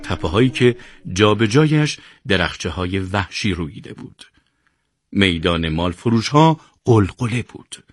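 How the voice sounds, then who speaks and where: A man narrating a radio novel in a measured storytelling manner, voicing all the characters himself. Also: fairly low pitch, lively intonation, no echo.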